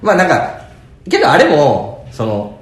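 A young man with a Kansai Japanese accent, chatting casually on a podcast with lively, joking banter and frequent laughs. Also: fairly high pitch, moderate pace. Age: young adult. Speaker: podcast co-host, comedian. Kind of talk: casual chat. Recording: very echoey room.

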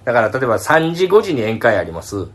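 A man in his thirties with a Kansai accent, telling stories in a casual podcast chat, animated and laughing often. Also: mid-range voice, fast. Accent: Kansai Japanese. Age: 30s. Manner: animated storyteller, laughs often, acts out coworkers' voices. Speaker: podcast co-host.

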